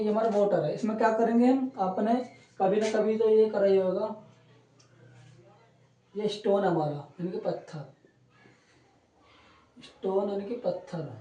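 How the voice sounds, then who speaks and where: A young male teacher gives an online coaching lecture in a mellow, dark-toned voice. He talks in a loose, chatty way and keeps checking in with his students. The sound is roomy, and he stands back from the mic. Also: high-pitched, recorded from a distance, a little hiss or hum. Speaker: polytechnic physics teacher. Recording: roomy echo, voice away from the mic.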